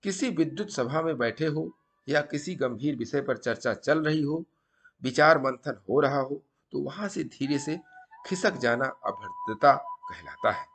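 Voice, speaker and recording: A man from India hosting his channel and narrating a motivational story with measured, earnest emphasis. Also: fairly high pitch, lively intonation, a bit bright.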